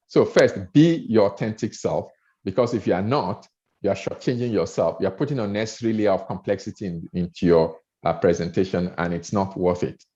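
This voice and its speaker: The recording is dull lo-fi audio of a speaker trainer, a man with a Nigerian accent, coaching on public speaking. He speaks earnestly in a lowish, darkish voice, often repeating words as he builds each point.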